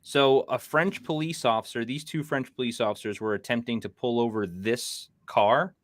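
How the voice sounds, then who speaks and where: A man's voice: medium pitch, moderate pace, no room sound. Man, podcast host, rambling casual talk, reads chat aloud, dry recording.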